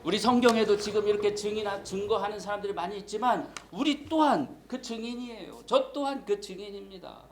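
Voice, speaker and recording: Male pastor, sermon, high lively voice, emphatic delivery, faint hiss behind. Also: a little fast, hardly any pauses, rough recording. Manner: emphatic preaching, acting out quoted voices.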